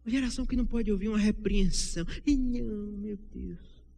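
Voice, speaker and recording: Impassioned high-voiced Brazilian preacher. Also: male voice, a little fast, gravelly, slight background noise. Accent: Brazilian Portuguese. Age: young adult. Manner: impassioned, swings from loud rebuke to low quiet passages. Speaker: pastor. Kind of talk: sermon. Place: church during an evening service.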